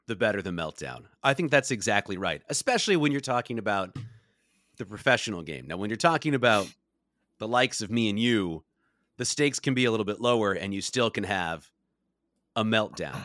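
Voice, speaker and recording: A man's voice: lowish voice, expressive, moderate pace, a bit bright, no room sound, clean studio sound. A young adult man co-hosting a podcast, telling a story in a casual chat with lots of laughs. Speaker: podcast co-host.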